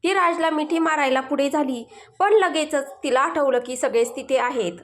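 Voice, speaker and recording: High pitched lady reading a love story out, steady even tone. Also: moderate pace, slight background noise. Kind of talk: scripted story narration.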